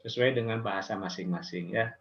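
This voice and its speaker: A man with an Indonesian accent teaching an online language class informally, patiently asking questions and pausing often. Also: fairly low pitch, a bit bright, highs cut off.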